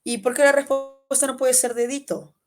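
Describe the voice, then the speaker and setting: A woman with a Peruvian Spanish accent teaching an online exam-prep class, quizzing students by name in a lively way. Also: high voice, moderate pace. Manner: lively, calls students by name, asks and answers questions.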